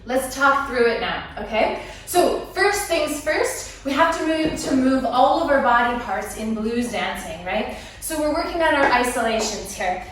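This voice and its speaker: A woman teaching a dance routine step by step, playful and counting the beats out loud. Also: high voice, lively intonation, unhurried, slight background noise. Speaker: dance instructor. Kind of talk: dance lesson walkthrough. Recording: echoey room, mic far off.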